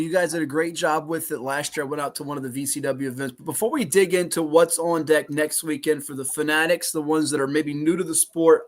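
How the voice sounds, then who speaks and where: A man hosting a sports talk show in an upbeat, welcoming way. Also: a little high.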